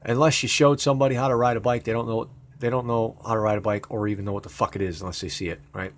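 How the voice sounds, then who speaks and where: A man's voice: on the low side, fast talker. A man rambling and swearing casually as he shares his computer screen in a home video. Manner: rambling, profane, excitable. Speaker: video host.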